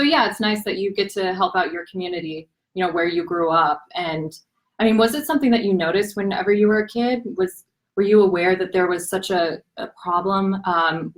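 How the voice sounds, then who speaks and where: A young woman hosts a casual live-stream interview for an online series, posing long, winding questions with several parts and affirming her guest often. She's friendly, with a voice on the low side at a moderate pace.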